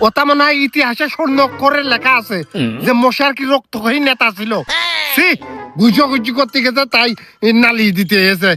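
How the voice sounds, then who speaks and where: A man voicing a mocking, scornful male gang boss who sneers and hums slowly in a comic sketch. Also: extremely high pitch, music in the background.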